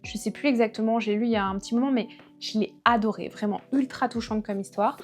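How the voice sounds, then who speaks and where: A woman's voice: fairly high pitch, steady tone, fast, faint music behind. A young woman chatting casually about her book series, talking with frequent fillers and restarts as a book vlogger. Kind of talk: casual book review chat.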